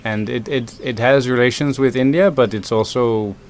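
A man's voice: medium pitch, normal speed, slight background noise. A man from the Netherlands, a food system consultant answering interview questions thoughtfully, with many ums and restarts.

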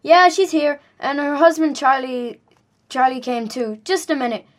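A woman's voice: high-pitched, moderate pace, natural voice. A woman playing a distracted, game-obsessed son in an acted comedy drama, speaking in an offhand way.

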